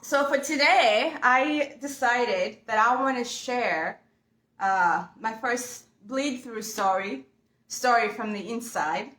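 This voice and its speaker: Chatting casually while she works, a young woman from Uganda keeps her furniture painting vlog upbeat for viewers at home. Her slightly high, fairly bright voice comes through a camera mic in an echoey room.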